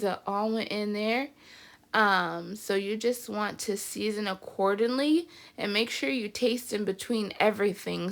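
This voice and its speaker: In a medium-pitched voice edged with vocal fry and thick with congestion, a woman hosts her home cooking video. She chats through it in a relaxed, upbeat vlog style, using "y'all" again and again.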